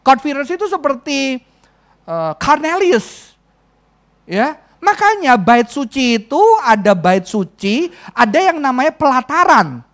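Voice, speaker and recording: Animated preacher man. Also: very high-pitched, a little slow. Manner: animated, acts out quoted voices and laughs often. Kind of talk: sermon with storytelling.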